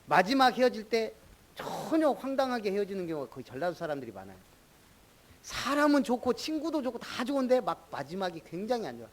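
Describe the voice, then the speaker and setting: A middle-aged pastor from in Korea preaches. His voice sits a little high for a man. He keeps the sermon conversational and calls on congregation members by name. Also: big pitch swings, brisk. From Jeolla, Korea.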